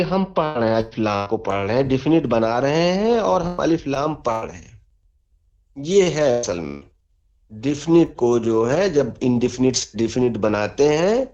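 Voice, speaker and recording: In a classroom explanation, a man with a medium-pitched, somewhat dark voice teaches Arabic grammar, patiently repeating examples and making sure students are following. The audio is dull and lo-fi.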